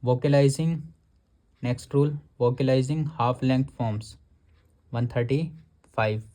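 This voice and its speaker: A man's voice: mid-range voice, unhurried, warm tone. A man teaching a shorthand lesson, explaining each rule step by step and reading the rule text aloud word by word.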